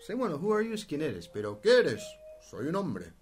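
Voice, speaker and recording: A man's voice: fairly high pitch, huge pitch swings, normal speed, faint music behind. A man hosting a radio English lesson, prompting his students in a playful, joking way. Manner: playful, prompting, laughs often. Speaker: radio English teacher and host. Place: radio studio.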